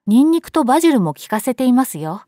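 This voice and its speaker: A woman voicing a cheerful young male butcher's salesman with brisk, polite patter in an acted story. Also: high voice, big pitch swings, warm tone, no echo, studio quality, voice pushed up.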